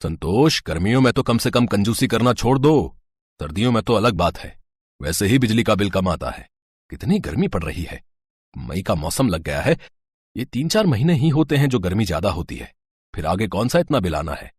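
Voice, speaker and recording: A man voicing an easygoing, generous older husband who calmly coaxes his wife in a cartoon story. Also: fairly low pitch, normal speed, breathy edge, no room sound, clean studio sound. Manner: calm, relaxed coaxing.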